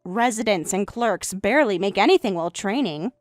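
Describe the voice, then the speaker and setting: A woman playing a self-assured young bride in a family drama, measured, matter-of-fact and quietly defiant. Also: mid-range voice, animated, no echo, studio quality, faint music behind, close to an everyday voice. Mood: composed, proud. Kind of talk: acted dialogue in a narrated family drama.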